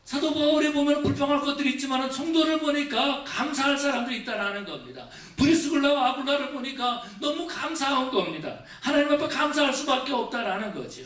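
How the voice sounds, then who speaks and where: A male pastor preaching a Thanksgiving sermon. He questions the congregation again and again and moves between raised emphasis and quiet, low asides. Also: expressive, fast talker, few pauses. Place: church sanctuary. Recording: echoey church from far off.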